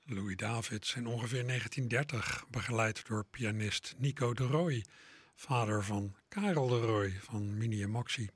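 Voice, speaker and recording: Brief: male radio host, husky voice, dry close sound, easygoing and a little hesitant. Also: fairly low pitch, normal speed, no room sound. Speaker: radio presenter. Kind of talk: radio music programme presentation.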